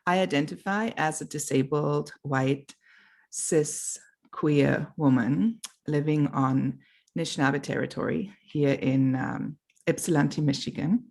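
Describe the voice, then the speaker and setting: A middle-aged woman talks thoughtfully as a panel guest, pausing now and then to find her words. Her voice has a gravelly edge. She speaks over a video call. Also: deep voice. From Germany. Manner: thoughtful, warm, with fillers and pauses. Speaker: guest artist. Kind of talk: panel talk. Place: home.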